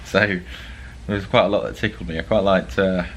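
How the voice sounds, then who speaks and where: A young man talks casually to camera as a vlog host, chatty and joking, with plenty of ums and uhs. His voice sits a little low. A faint hum of ambience stays under him. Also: fairly even intonation, fairly quick, a bit bright. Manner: chatty and joking, with frequent fillers.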